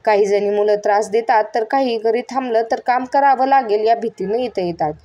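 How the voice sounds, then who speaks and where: A woman narrates a story aloud in a fairly high voice. She gives every character a voice of her own, keeping the telling lively and expressive. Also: normal speed, dull audio.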